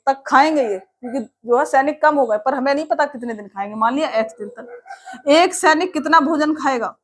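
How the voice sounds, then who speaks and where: High-voiced woman teaching maths step by step. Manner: explains step by step, checks with students, asks and answers her own questions. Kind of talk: classroom maths lesson.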